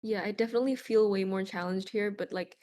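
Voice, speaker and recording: Young woman, from Indonesia, Indonesian native, relaxed chatty answers, mid pitch. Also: fast. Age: young adult. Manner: relaxed, chatty, many "like" fillers. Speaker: guest concert photographer. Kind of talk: casual interview answers.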